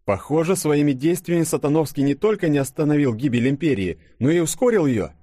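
A man voicing a curious young male agent who asks quick questions. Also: a little high, lively intonation, dark tone, no room sound, pitched above the performer's own voice.

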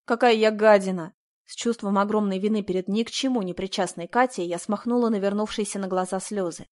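Woman narrator, first-person audiobook, tense and earnest, mid-pitched voice. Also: fairly even intonation, quick pace.

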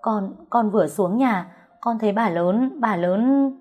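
A woman's voice: medium pitch, normal speed, dark tone, faint music behind, natural voice. A woman voicing a frightened, chatty young housemaid, talking in breathless, fretful bursts.

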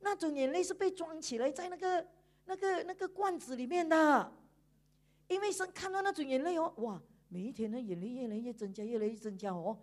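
A woman preaching a sermon in church, animated, with frequent laughter and emphatic sentence endings. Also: sits high, a little fast.

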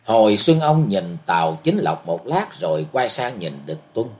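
A man narrating a martial arts novel as an audiobook, with expressive storytelling. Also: lowish voice, moderate pace.

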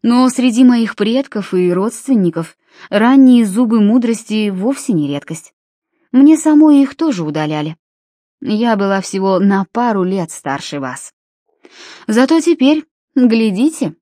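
A woman reading an audiobook, voicing a composed mother of twins who speaks in a measured, quietly strained way. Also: mid-range voice, lively intonation, dry recording, clean studio sound, lightly acted. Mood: confiding. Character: tense, composed mother of twins, forcing calm.

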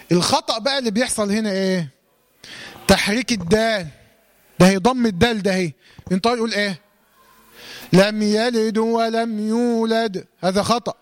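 High-voiced Egyptian man teaching Quran recitation. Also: no room sound. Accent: Egyptian Arabic. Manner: asks rhetorical questions and answers them, slow chanted recitation examples. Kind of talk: Egyptian colloquial tajweed lesson.

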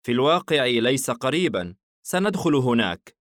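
A man's voice: mid-range voice, big pitch swings, normal speed, a bit bright, no room sound, clean studio sound, voice pushed up. A man voicing a blunt, impatient male customer in a shop, curt in his replies. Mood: wary.

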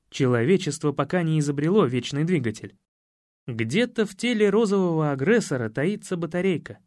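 A man narrating an audiobook in a lively, expressive reading. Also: fairly high pitch, dry recording, studio quality. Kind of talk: scripted narration.

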